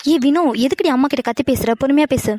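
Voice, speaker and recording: A woman's voice: high-pitched, fast, mellow, no room sound. A woman voicing sisters in a cartoon, pleading and protective. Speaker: voice artist for sisters. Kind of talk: cartoon dialogue.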